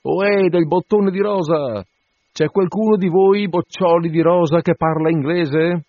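Stubb, a man doing a loud mocking sailor. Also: medium pitch, animated, normal speed, no room sound, lightly acted. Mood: mocking, jovial. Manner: loud, teasing, shouted banter. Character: brash jovial sailor mate, loud and mocking. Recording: dull lo-fi dry recording.

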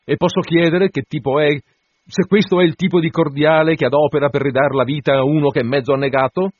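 A man voicing an indignant, suspicious ship's mate who rants loudly and mocks others. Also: a little high, fairly even intonation, brisk, no room sound, pitched above the performer's own voice, lightly acted. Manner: loud, indignant, mocking rants. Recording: dull dry radio broadcast.

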